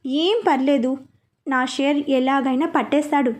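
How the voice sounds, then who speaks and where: A playful young wife in a storybook romance, coy and teasing, voiced by a woman reading the tale. The voice is high and bright. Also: fairly even intonation, a little slow.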